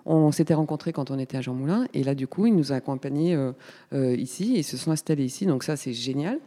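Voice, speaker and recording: A woman in her fifties from Paris, talking as a guest in a casual radio interview, chatty and pausing often with fillers. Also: deep voice, mellow, big-room sound. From Paris, France. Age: 50s. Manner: chatty, hesitant with many fillers. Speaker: guest, community space coordinator.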